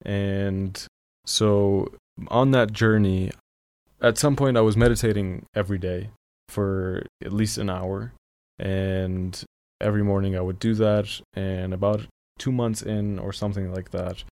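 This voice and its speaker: Recorded dry, the lowish, darkish voice belongs to a young man from Syria, an Armenian native speaker with an American accent, appearing as a podcast guest. He is unhurried, his intonation fairly even, and he searches for words as he reflects in a casual studio conversation.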